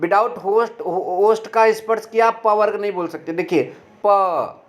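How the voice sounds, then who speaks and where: Male tutor with a high voice, patient and step by step, asks and answers his own questions. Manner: sounds out letters slowly and clearly. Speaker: teacher. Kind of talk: online grammar lesson.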